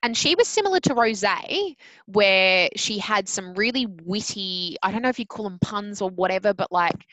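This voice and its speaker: A woman's voice: medium pitch, animated, moderate pace, a bit bright. A blunt, opinionated woman co-hosts a podcast in casual conversation, dropping wry asides. Her voice is recorded close and dry, with no room echo. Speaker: podcast co-host. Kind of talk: casual chat reviewing a TV competition.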